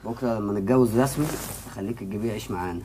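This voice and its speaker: An actor with an Egyptian accent playing a bossy, scheming young crook. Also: male voice, on the low side, rapid-fire, warm tone, a little hiss or hum, close to an everyday voice. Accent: Egyptian Arabic.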